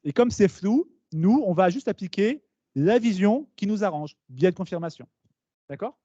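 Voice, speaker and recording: A man giving a lively conference talk to students, explaining with asides and questions to the audience. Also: high-pitched, normal speed, slightly rough, no room sound. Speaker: speaker at a talk. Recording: dull, slightly lo-fi meeting recording.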